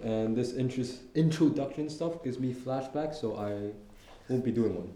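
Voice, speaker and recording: Teenage boy with a very dark voice. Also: mid-range voice, normal speed. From Hong Kong. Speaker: podcast co-host. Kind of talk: casual explanation. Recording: echoey room.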